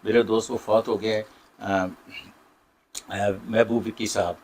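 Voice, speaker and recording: A middle-aged actor with a Saraiki accent, answering interview questions in a warm, grateful way with many pauses. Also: male voice, on the low side, flat delivery. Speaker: Saraiki drama and film actor.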